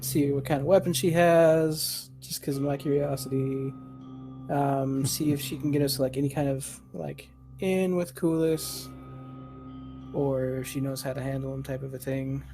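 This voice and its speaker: A man's voice: medium pitch, fairly even intonation, moderate pace. A man chatting casually as a player in a tabletop game, thinking aloud in a hesitant, rambling way. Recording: music clearly behind.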